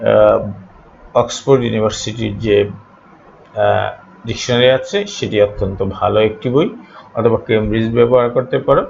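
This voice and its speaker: A man from Bangladesh teaching a pronunciation lesson, saying each word slowly and repeating it again and again for his students. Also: medium pitch, vocal fry. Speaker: English teacher. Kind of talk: slow spoken pronunciation lesson. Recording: dull lo-fi recording, faint noise.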